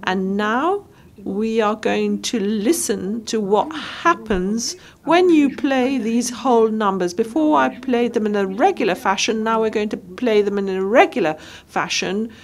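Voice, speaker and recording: A woman giving live interpretation of a lecture, speaking in short halting phrases and correcting herself as she goes. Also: on the high side, animated. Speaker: simultaneous interpreter.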